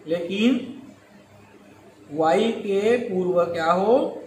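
A male teacher explaining English grammar slowly, repeating key words and drawing out his examples. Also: high voice, darkish tone. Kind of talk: grammar lesson. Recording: echoey room with faint ambient noise.

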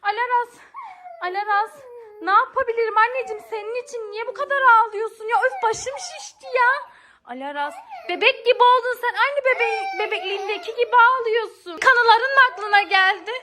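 A woman's voice: extremely high pitch, a little fast, bright, forceful tone. A woman playing a mother in an acted family comedy skit, fussing and exasperated as she repeats her pleas again and again.

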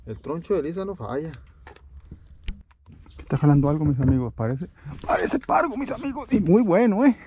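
A man, talking through a fishing trip from a boat outdoors and getting animated when a fish bites. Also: fairly high pitch, fairly quick, pauses often, a little hiss or hum. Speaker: fishing vlogger. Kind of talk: excited fishing commentary.

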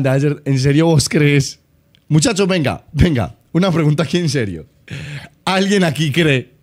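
A young man from Colombia with a Paisa accent, chatting excitably on a home live stream, swearing and teasing. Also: mid-range voice. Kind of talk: casual live-stream chat.

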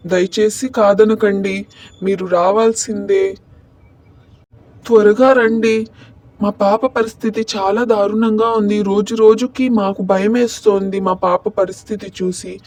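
A woman's voice: medium pitch, a little mellow, dry recording, far from the mic, natural voice. A woman voicing a worried young family man in a cartoon, who talks earnestly and pleads for help.

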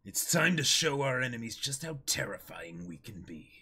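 A man plays a theatrical pirate captain, a clown with a short temper. He rants in a forceful, rough voice that swings up and down, as in a cartoon read aloud. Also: mid-range voice, very animated, moderate pace, voice pushed down, heavily acted. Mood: menacing, commanding. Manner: theatrical, ranting.

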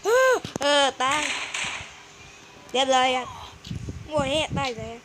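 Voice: sits high, steady tone, a little slow. A gamer giving casual gameplay commentary in short, slangy, muttered reactions. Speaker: gamer commentating while playing. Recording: very noisy home gaming recording.

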